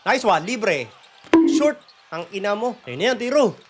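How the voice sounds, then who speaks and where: Excitable guy, hoarse with flu, higher voice, live game reactions, lots of cursing. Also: unhurried. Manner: excitable, swears often, shouts at players. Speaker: fan watching and reacting to a basketball game.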